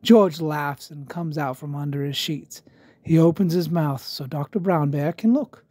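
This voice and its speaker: A storybook narrator giving an expressive, dramatic read-aloud for children. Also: medium pitch, a little slow, dry recording. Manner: expressive, theatrical.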